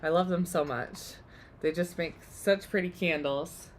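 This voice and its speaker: Lady losing her voice walking through a diy kit, lowish voice, bit of hiss behind. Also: a little slow. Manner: chatty, upbeat explaining. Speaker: workshop host. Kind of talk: live DIY demonstration.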